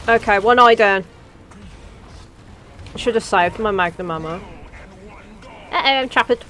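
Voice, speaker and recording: A woman giving jokey, excitable let's play commentary, talking back to the game characters. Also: mid-range voice, unhurried, slight background noise. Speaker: gaming channel host.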